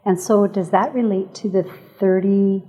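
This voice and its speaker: A woman's voice: medium pitch, fairly even intonation, normal speed, dark tone, highs cut off. A woman hosting a council review, asking questions with upbeat brief affirmations. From Canada. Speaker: host. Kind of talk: interview hosting.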